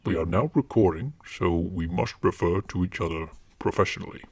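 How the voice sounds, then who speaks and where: A man playing a stern, secretive paranormal investigator and mentor in an audio drama, speaking formally and commandingly in a disguised, altered deep voice. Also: brisk, darkish tone, breathy edge, no echo.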